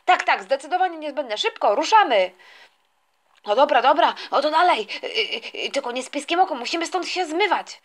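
A woman's voice: high voice, lively intonation, normal speed. Casting: woman as a pushy toy-story kidnapper, urgent and clumsy. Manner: urgent, bossy. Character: bossy, hurried bumbling kidnapper.

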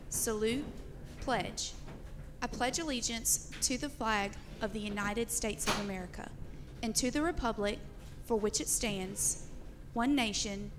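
A woman leading a school's morning pledge over an intercom, reciting slowly and evenly, heard from a distance with noise behind. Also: fairly high pitch. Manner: slow, measured recitation. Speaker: pledge leader.

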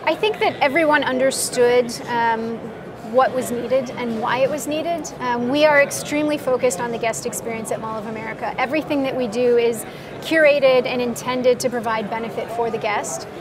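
High-voiced woman explaining, crowd chatter behind. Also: fairly even intonation. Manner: measured, frequent ums, explanatory. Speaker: mall IT director, guest. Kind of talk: conversational interview. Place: trade show booth, indoors. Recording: busy trade show hall with crowd noise. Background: crowd chatter of a trade show.

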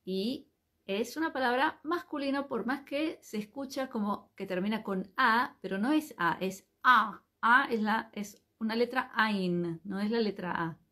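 Slow, patient woman teaching Hebrew. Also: a little high, a bit bright. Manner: slow, patient, spells words letter by letter. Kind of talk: live online language class.

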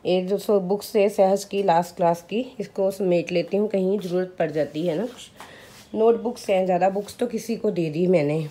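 A woman's voice: medium pitch, moderate pace, mellow. A woman in her thirties with a sore throat, chatting casually to viewers while filming at home on a handheld phone. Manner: chatty, addresses viewers as friends. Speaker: vlogger, mother. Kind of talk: casual home vlog narration. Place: home, kitchen and rooms.

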